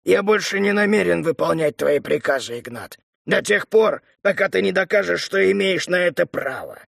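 A man voicing a calm, defiant male bandit chieftain who speaks steadily, in a storybook reading. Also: high voice, normal speed, creaky, no echo, studio quality, heavily acted.

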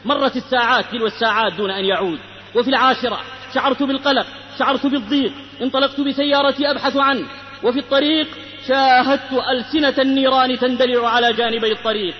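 A man's voice: extremely high pitch, fairly even intonation, quick pace, slight background noise. A man preaching a fervent sermon, telling a moral story in a pleading, rhythmic and rhymed delivery. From Hijaz, Saudi Arabia. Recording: reverberant, dull old lecture recording.

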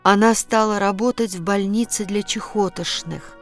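Woman narrating a storybook, measured. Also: medium pitch, steady tone, soft background music. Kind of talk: audiobook narration.

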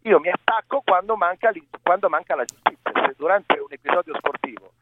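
A man's voice: sits high, animated, a little fast. A man calling in on a car speakerphone over a phone line, arguing as an insistent, aggrieved sports fan. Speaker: radio caller. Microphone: car hands-free speakerphone. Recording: tinny, noisy phone line.

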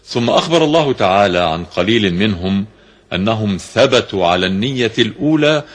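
A man reading a classical scripture commentary in a formal, measured way, slowing down for quoted verses, on a radio broadcast recording. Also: fairly low pitch, expressive, slightly rough. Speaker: reader of Quran commentary.

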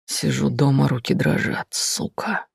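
A man's voice: mid-range voice, steady tone, a little slow, gravelly, breathy edge, no room sound, studio quality, heavily acted. A man doing a brooding jealous young lover.

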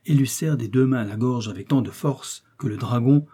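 A stubborn, blustering innkeeper, as a man reads him in an audiobook, who defends his books of knights with gusto. Dark, husky tone throughout. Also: medium pitch, moderate pace, natural voice. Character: stubborn old innkeeper in love with chivalry books. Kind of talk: audiobook reading.

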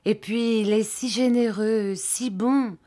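A woman's voice: mid-range voice, normal speed, a little mellow, natural voice. Woman reading an earnest, gushing young boy. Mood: admiring. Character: earnest, admiring young schoolboy.

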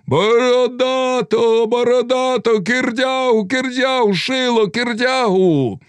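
A man voicing a rowdy crowd of male cossacks shouting demands at an assembly. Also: medium pitch, lively intonation, moderate pace, no room sound, pitched above the performer's own voice, lightly acted. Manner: shouting, brash.

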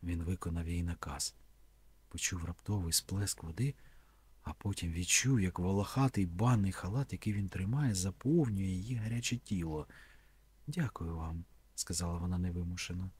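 A man reading a novel aloud in measured, even scripted narration. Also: low-pitched, breathy edge. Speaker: audiobook reader.

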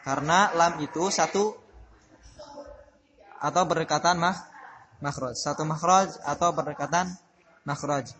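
In a religious boarding school classroom, a man teaches Quran recitation in a study-circle lesson, patiently explaining, repeating his points and putting questions to his class. His voice is a little high and fairly bright, and he speaks a little slowly with long pauses.

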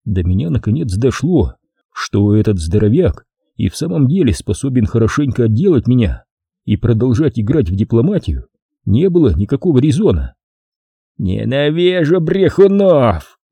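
A man narrating a detective novel in an expressive reading voice. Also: medium pitch, moderate pace, husky, dry recording. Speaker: audiobook narrator. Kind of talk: scripted narration.

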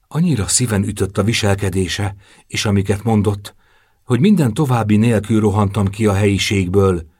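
A man reads a first-person novel in a measured, subdued way. His low voice has a husky grain. The recording is close and very dry, with no room sound. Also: a little mellow, no room sound. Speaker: audiobook narrator. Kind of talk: first-person audiobook narration.

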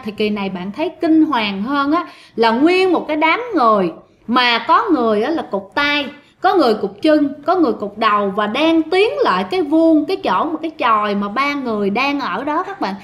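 A woman tells a ghost story in a relaxed, chatty way, often turning to her listeners. Her voice sits notably high. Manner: chatty, addresses listeners directly. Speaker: ghost story podcast host. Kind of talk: casual storytelling.

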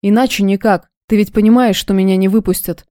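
Woman voicing a calm male mutant. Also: mid-range voice, fairly quick, no room sound, studio quality, natural voice. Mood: persuasive. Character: calm male mutant wearing a man's face.

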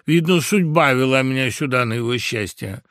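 A man voicing a crafty, flattering female fox in a storybook reading, sweet-talking and theatrical. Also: medium pitch, normal speed, no room sound, studio quality, lightly acted. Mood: sly flattery. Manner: sweet, theatrical, falsely gushing.

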